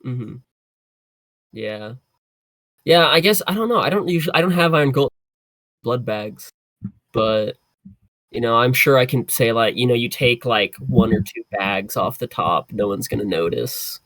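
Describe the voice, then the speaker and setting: A tabletop game player chatting casually, animated and laughing, sometimes slipping into character. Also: mid-range voice, unhurried, long pauses, no echo. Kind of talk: casual tabletop role-play.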